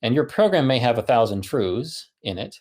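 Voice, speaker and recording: A man's voice: mid-range voice, animated, moderate pace, darkish tone. A man giving a technical conference talk, thinking aloud with many fillers and restarts. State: running out of breath. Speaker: conference speaker.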